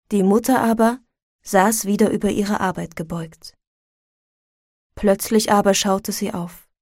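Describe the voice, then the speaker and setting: A woman reading a classic story aloud as narrator, measured and expressive. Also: medium pitch, no echo, studio quality.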